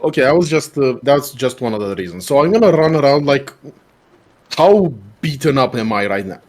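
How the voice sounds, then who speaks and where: A man's voice: mid-range voice, animated, fairly quick, a little mellow. A man playing a tabletop game, talking hesitantly with many restarts. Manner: hesitant, lots of restarts and throat clearing. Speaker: player.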